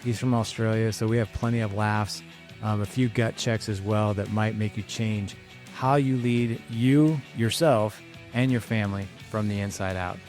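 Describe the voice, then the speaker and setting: A man with a Midwestern American accent hosting a podcast interview, talking in a casual, energetic way with plenty of fillers. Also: on the low side, normal speed, faint music behind. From St. Louis, USA. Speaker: podcast host.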